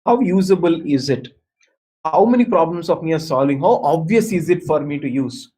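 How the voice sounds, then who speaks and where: Answering questions in an explanatory workshop talk, a design mentor with an Indian accent speaks in a slightly high, warm, animated voice at a moderate pace. He stresses his points, repeats himself, and frequently checks that listeners are following.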